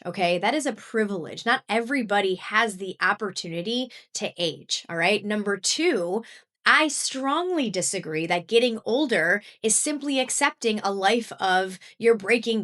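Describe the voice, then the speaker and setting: A woman's voice: mid-range voice, fairly bright tone. A woman in her thirties hosting a solo podcast, talking casually and upbeat, with many fillers and frequent laughs. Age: 30s. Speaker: podcast host and health coach.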